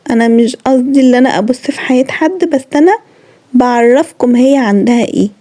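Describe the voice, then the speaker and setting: Her voice is high and mellow, carrying an Egyptian Arabic accent. Speaking from the heart to camera, the young vlogger scolds her audience in an earnest, reproachful tone, addressing them head-on.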